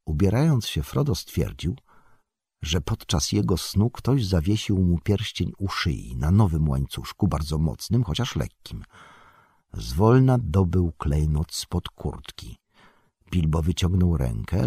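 A man narrating an audiobook in an expressive, lingering manner. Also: low-pitched, a little slow, slightly rough, dry recording, clean studio sound. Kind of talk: scripted narration.

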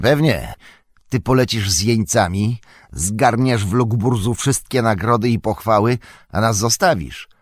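A sly, vicious orc, as a male narrator acts him out, sneering and mocking with a smoother, less brutish tone than the others. His voice swoops from low menace to high taunting, all recorded dry and close for a storybook reading. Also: no echo, exaggerated voice. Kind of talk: audiobook character voice.

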